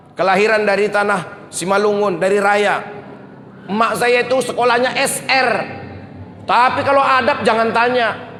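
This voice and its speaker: A man preaching a humorous sermon at a live event, telling stories and acting out quotes to the crowd. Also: sits high. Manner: lively storytelling with acted-out quotes and crowd address. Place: mosque hall, live event. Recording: long reverb of a large hall.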